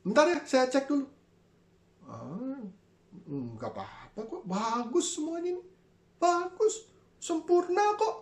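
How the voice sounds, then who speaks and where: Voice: high-pitched, very animated, takes it slowly, pauses often, echoey room, voice pushed up, exaggerated voice. A preacher playing God as a kindly clerk. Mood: reassuring. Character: God as a patient, kindly clerk checking a file.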